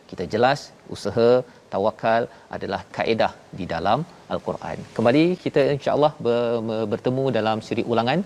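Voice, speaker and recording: Malaysian guy hosting a quran lesson, lowish voice, explains with emphasis. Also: a little mellow, slight background noise. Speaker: Quran teacher and host.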